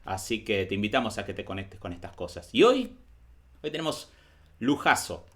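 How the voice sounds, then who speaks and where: Upbeat show host. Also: male voice, lowish voice, very animated, normal speed, fairly bright tone. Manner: upbeat, welcoming host patter. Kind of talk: faith talk show interview.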